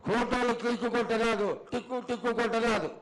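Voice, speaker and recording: A man's voice: very high-pitched, fairly even intonation, fast talker, fairly bright tone, rough recording. A man making temple announcements, giving instructions in an emphatic, commanding and repetitive way. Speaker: temple announcer marshalling the crowd.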